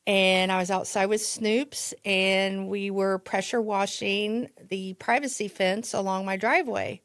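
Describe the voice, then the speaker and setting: Slow-talking woman with a gravelly voice. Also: medium pitch, fairly bright tone, no echo, clean studio sound. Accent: Midwestern American. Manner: chatty, with restarts and laughs. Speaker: podcast guest, real estate agent. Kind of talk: casual storytelling.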